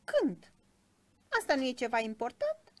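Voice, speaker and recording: A proud little cricket fiddler, put on by a woman reading a storybook, speaks in a high, squeaky, slightly hoarse voice. He declaims loudly and takes offense easily, his pitch leaping around with lively swings. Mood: declaiming. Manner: indignant, declaiming. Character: tiny male cricket fiddler, proud and touchy.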